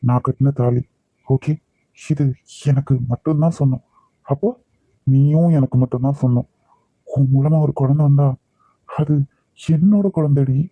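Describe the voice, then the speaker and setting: A man's voice: mid-range voice, measured pace, long pauses, no room sound, phone-quality sound, natural voice. A man voicing an earnest, possessive young husband in a cartoon love story. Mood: insistent. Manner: earnest, insistent, emotional.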